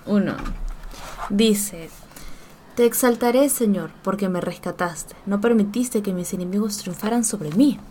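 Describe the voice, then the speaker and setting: A woman's voice: mid-range voice, a little slow, mellow, a little hiss or hum. Female co-host, casual Bible study chat, reads verses then shares notes, laughs easily. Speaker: podcast co-host.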